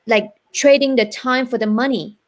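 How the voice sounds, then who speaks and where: A woman's voice: a little high, fairly even intonation, moderate pace. A woman from China with a Chinese accent, speaking earnestly as a guest entrepreneur on a live online interview show, often checking in with "right?".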